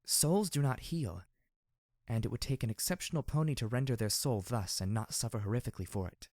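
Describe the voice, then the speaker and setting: A man reading an audiobook, voicing a calm and distant female zebra spirit-medium who speaks in a slow, measured, solemn way. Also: medium pitch, dry recording, clean studio sound, lightly acted.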